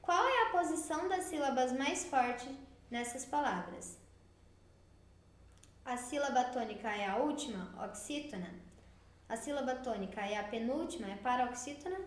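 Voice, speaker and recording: A woman from Brazil teaching a recorded remote class for young children, explaining worksheet tasks slowly and patiently, step by step. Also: sits high, expressive, reverberant.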